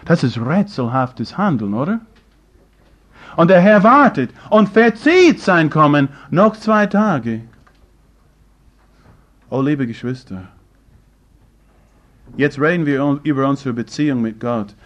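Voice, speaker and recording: Male preacher, high-pitched and slow-paced; rhetorical, dynamic sermon delivery with slightly broken grammar. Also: big pitch swings, lo-fi sound. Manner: rhetorical questions to the congregation, swinging between loud and hushed.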